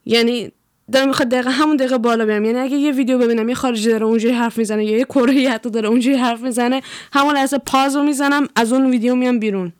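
A young woman from Iran speaks her mind in a blunt, profane, animated rant. Her voice is smooth and clear, and the recording is dry and close, with no room sound. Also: on the high side, no room sound. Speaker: vlogger. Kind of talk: casual chat.

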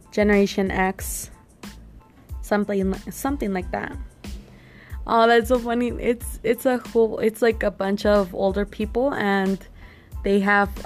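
A woman hosting a casual reaction video, talking in a gushing, informal and rambling way. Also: medium pitch.

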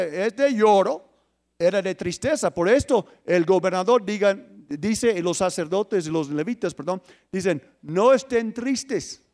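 Man, pastor, very high-pitched, sermon, rhetorical questions, loud and soft swings. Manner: lively preaching with rhetorical questions, swings between loud emphasis and soft asides.

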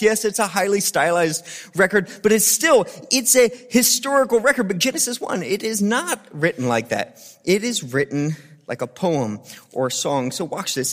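In the long reverb of a large hall, a man with a high-sitting, slightly bright voice preaches a sermon, teaching scripture with dramatic emphasis, repeated phrases, and informal asides.

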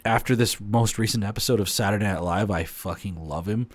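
A young man co-hosting a podcast, excitable and swearing in casual chat. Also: fairly low pitch, fairly quick. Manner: excitable, swears, restarts often. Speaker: podcast co-host.

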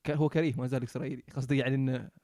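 Rapid-fire man telling stories. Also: medium pitch, no room sound, studio quality. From Oman. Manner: quick, storytelling, relaxed banter. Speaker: podcast co-host. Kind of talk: casual podcast chat.

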